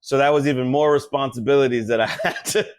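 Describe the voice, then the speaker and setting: A man telling animated stories in casual podcast chat, often putting on voices for the people he quotes. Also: medium pitch, fast, clear, resonant tone, dry recording, clean studio sound. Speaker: podcast guest, comedian.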